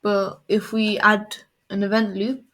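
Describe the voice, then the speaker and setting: In this screen-recorded tutorial, a female coding tutor explains a software tool one step at a time. She speaks in a mid-range voice with a level tone, going a little slowly.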